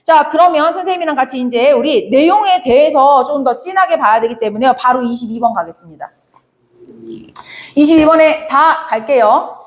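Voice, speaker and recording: Brief: young woman teacher with a bright, high voice, chatty exam-prep lecture, quizzes students as she goes. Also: lively intonation. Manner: brisk, chatty, asks students rhetorical questions; acts out quoted lines in playful voices. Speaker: Korean literature teacher. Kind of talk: exam problem walkthrough lecture.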